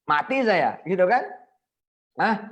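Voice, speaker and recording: A middle-aged man preaching in a virtual study circle, telling a story with lively swings, acting out prayers and scolding parents. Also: high voice, takes it slowly. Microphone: video call.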